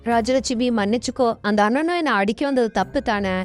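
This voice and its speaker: An outspoken woman neighbor, voiced by a woman in a doll-serial drama, who reasons and pleads earnestly in a fairly high voice. Soft music plays faintly behind her. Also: a little fast, lightly acted. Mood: pleading. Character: outspoken woman neighbor, apologetic then indignant. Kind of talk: amateur doll-serial voice acting.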